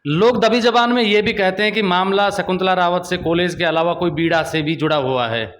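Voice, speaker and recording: A man's voice: high-pitched, moderate pace, fairly bright tone. A male journalist interviewing a politician, asking pointed, confrontational questions.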